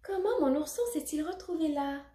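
A woman voicing a sleepy, curious little girl in a children's storybook reading, speaking softly and wondering. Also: high-pitched, very animated, a little slow, voice pushed up. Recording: roomy echo.

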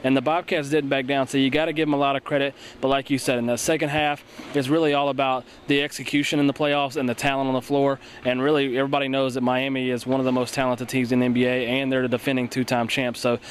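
A man's voice: mid-range voice, level tone, slight background noise. A young male sports broadcaster giving earnest post-game analysis into a handheld mic in an empty arena. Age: young adult. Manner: rapid, earnest, many fillers and restarts. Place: empty indoor basketball arena. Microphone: handheld mic held by co-host.

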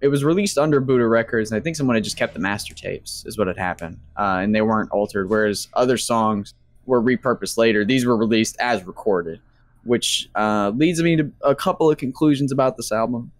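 Casual, rambling male podcast co-host, mid-pitched, dry close sound. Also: fairly quick, dry recording. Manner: rambling, cursing, laughs mid-sentence. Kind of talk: casual album review chat.

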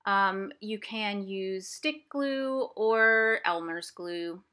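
A woman with a bright, forceful mid-range voice talks extremely slowly while leading a children's craft demonstration. She's an art instructor for a museum family program, explaining simply to young viewers at an indoor craft table.

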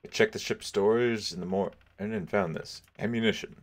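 A man's voice: fairly low pitch, steady tone, moderate pace, voice pushed up. A man reading out the lines of an uncertain, amnesiac adult male ship captain in a video game. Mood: puzzled. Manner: reading game dialogue aloud in character.

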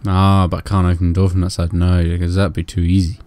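A man's voice: deep voice, completely flat delivery, quick pace, dark tone. A hungover man in his thirties chatting casually and wearily while streaming a video game. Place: indoor room at a desk.

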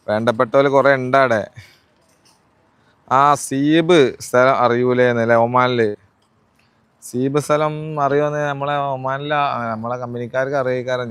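Clear-voiced Malabar man chatting on a livestream. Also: mid-range voice, fairly bright tone, dry recording. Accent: northern Kerala (Malabar) Malayalam. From Kozhikode district, Kerala, India. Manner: informal, question-filled, repeats phrases. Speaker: live-stream vlogger. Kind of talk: casual live-stream chat, greeting viewers.

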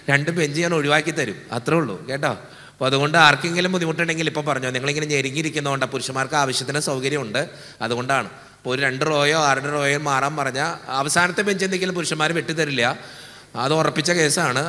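A man's voice: on the high side, quick pace, bright, forceful tone. A man, a Keralan priest, preaching a casual, teasing sermon and leading his congregation in call-and-response. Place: church. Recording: echoey hall.

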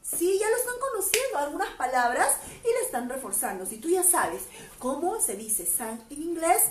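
A woman's voice: high voice, moderate pace. A woman preschool teacher leading a class routine with chants and action songs in a sing-song voice. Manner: animated, chanting and singing action rhymes. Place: classroom with children. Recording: roomy sound, mic at a distance.

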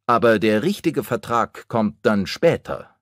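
A man's voice: lowish voice, animated, unhurried, no echo, studio quality, voice pushed up. A man doing a pushy, hasty businessman. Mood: persuasive. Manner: smooth, persuasive and hasty. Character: pushy middle-aged male businessman in a hurry.

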